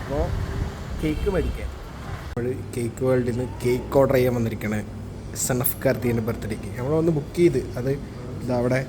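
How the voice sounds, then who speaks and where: A man's voice: mid-range voice, fairly quick, long pauses, background noise. A man vlogging in a casual, joking way, teasing his friend and talking to viewers as guys. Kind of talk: casual vlog narration.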